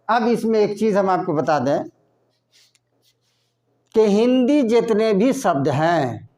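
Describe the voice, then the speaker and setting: A man teaching a lesson in a slow classroom style, asking questions and then answering them himself. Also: high voice, a little mellow. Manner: asks questions and answers them himself, repeating words slowly.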